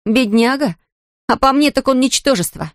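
Woman doing a sharp-tongued gossipy young friend. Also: a little high, lively intonation, no room sound, studio quality, voice pushed up, close to an everyday voice. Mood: chatty, scornful. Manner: brisk, scornful, chatty.

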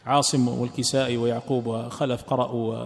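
A man teaching a text line by line, repeating phrases and trailing off into a low murmur at the ends of sentences. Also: level tone, fast, creaky. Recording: long hall reverb.

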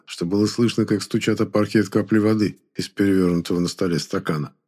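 Male audiobook reader, lower voice, measured and expressive. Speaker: audiobook narrator. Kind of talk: scripted narration.

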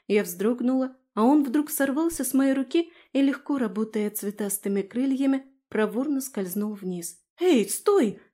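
Mellow-voiced woman narrating a fantasy audiobook. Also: on the high side, normal speed, few pauses. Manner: expressive, lively storytelling.

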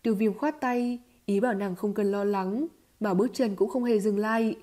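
Woman reading a novel audiobook, warm mellow voice, even and steady. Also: medium pitch, normal speed. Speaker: narrator. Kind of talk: scripted audiobook narration.

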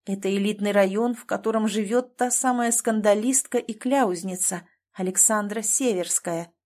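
Female audiobook narrator, measured expressive reading, mid-pitched.

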